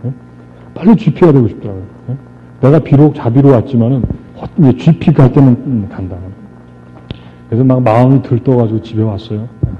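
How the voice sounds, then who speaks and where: Middle-aged man, animated storyteller, stage speech, thin phone-like sound, faint music behind. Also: mid-range voice, brisk. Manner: animated, re-enacts dialogue and jokes with the crowd. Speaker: motivational speaker. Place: stage before a live audience. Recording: tinny lo-fi archive recording with faint music.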